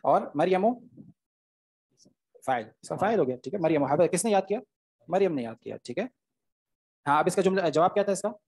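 Male teacher, high voice. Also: expressive, a little fast, long pauses, darkish tone, husky. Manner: explains step by step, often asks "ठीक है?". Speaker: Arabic grammar teacher. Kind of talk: online class lecture.

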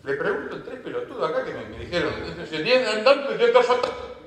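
A man's voice: sits high, big pitch swings, fast talker, distant mic. An older man from Argentina with a Rioplatense accent, rambling and joking his way through a stage sketch. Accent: Rioplatense Spanish. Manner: rambling, jokey, laughing at himself. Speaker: sketch comedian. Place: large theater stage. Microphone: far room mics. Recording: echoey theater hall from afar.

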